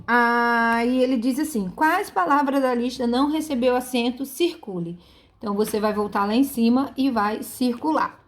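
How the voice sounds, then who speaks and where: A woman's voice: a little high, normal speed. A woman teacher giving a recorded grammar lesson, patiently repeating each point and checking that pupils follow.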